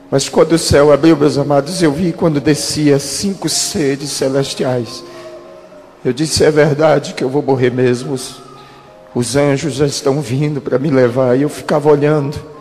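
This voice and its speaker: A man in his thirties, a pastor, giving a dramatic testimony and slowing down for quoted speech. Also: mid-range voice, darkish tone. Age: 30s. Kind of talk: testimony sermon. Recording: reverberant hall with music behind.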